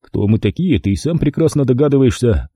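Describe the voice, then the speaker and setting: Man voicing a sarcastic tough detective, low, slow, menacing, dark husky voice, audiobook. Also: animated, no room sound, studio quality. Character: gruff tough male ex-investigator detective, mocking.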